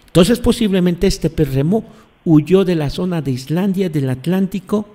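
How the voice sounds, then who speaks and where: A man's voice: high voice, moderate pace, mellow. A man hosting live commentary on earthquakes, emphatic, repeating phrases and putting questions to his audience. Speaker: host.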